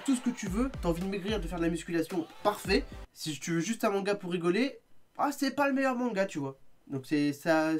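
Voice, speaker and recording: A man chatting casually in a video review, lively with quick asides, sounding tired. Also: high-pitched. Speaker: manga vlogger.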